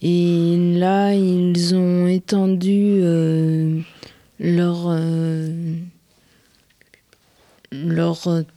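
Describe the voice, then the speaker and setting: A woman in her thirties with a western French accent, answering questions in a radio studio with halting speech and many pauses. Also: lowish voice, monotone, mellow, no room sound. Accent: French, from western France. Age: 30s. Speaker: interviewee. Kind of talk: radio interview.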